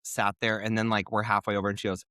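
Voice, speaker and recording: A man's voice: fast talker, no echo, studio quality. A man from Nebraska co-hosting a podcast, telling funny family stories in a casual, giggly way. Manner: animated, giggly storyteller who jumps high when excited. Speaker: podcast co-host. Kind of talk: casual storytelling chat.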